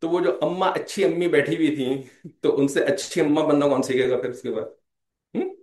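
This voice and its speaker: A man's voice: a little high, a little fast, a little mellow, reverberant. A man giving a conversational Islamic lecture, mixing in English phrases and checking in with his listeners after nearly every point. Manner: conversational, repeats "theek hai" as a check-in; mixes English phrases into speech. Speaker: religious lecturer.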